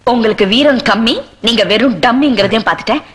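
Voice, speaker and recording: A woman's voice: on the high side, fast talker, fairly bright tone, natural voice. A woman playing a mocking bold daughter-in-law. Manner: mocking, confident. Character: sharp-tongued clever young daughter-in-law. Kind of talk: film comedy dialogue.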